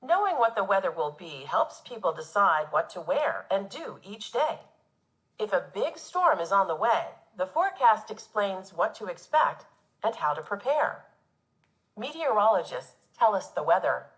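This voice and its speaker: A woman teacher reads a nonfiction children's book aloud to young pupils, expressive and instructive. Her voice is medium-pitched at a moderate pace, and the recording is rough.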